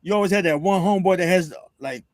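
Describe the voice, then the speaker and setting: A man's voice: sits high, fast talker, no echo, studio quality. A man hosting a podcast, chatting casually in a laid-back, slangy way, tossing in "bro" often. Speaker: podcast host. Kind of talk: casual chat.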